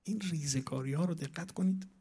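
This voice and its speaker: A man giving a sermon, reciting scripture in a measured way and swinging between loud declaiming and hushed asides. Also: fairly high pitch, breathy edge. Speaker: preacher.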